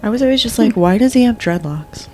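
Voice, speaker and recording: A woman's voice: a little high, expressive, fast, darkish tone. A woman co-hosting a casual podcast, blunt and sarcastic, swearing offhandedly. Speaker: podcast co-host. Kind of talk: casual chat.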